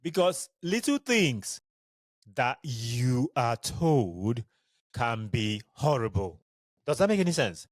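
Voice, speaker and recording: A man's voice: mid-range voice, takes it slowly, no echo. Nigerian guy hosting his podcast, chatty and candid, goes off on tangents, mid voice, dry close sound. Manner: chatty, digressive, candid and expressive. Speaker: podcast host. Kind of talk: casual personal storytelling monologue.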